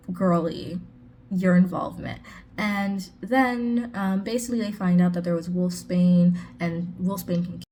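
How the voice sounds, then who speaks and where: A woman's voice: medium pitch, darkish tone, slight background noise. A woman casually reviewing a book on her vlog, talking in a chatty way with sarcastic asides.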